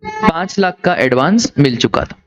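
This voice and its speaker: A man with a fairly high voice teaches a classroom lecture, teasing students and acting out little stories. The recording sounds dull and lo-fi. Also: moderate pace, clear, resonant tone. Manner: lively, teasing, acts out characters in stories.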